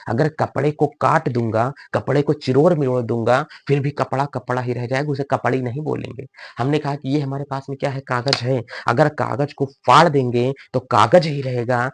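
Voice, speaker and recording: A man's voice: medium pitch, darkish tone, no echo. A male teacher giving a classroom lecture. He keeps asking questions and answering them himself, and he addresses his students directly in a teasing way.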